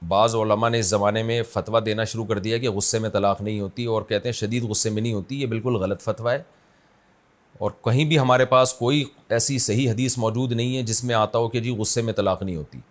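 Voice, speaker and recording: A man's voice: fairly low pitch, steady tone. A man, an Islamic scholar, answering a viewer's question in a conversational but emphatic religious lecture, explaining with everyday examples. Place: his office city.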